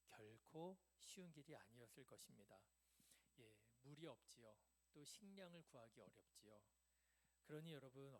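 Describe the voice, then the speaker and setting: A man preaching a midweek sermon in a church, conversational, asking the congregation questions and answering them himself. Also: mid-range voice. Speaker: pastor. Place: church sanctuary.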